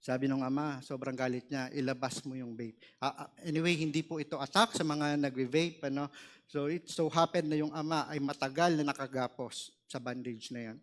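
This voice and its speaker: A man preaching a sermon in an earnest manner, asking for amens and rising in pitch on key words. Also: steady tone, a little fast. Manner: earnest, asks the room for "Amen", rises sharply on key words.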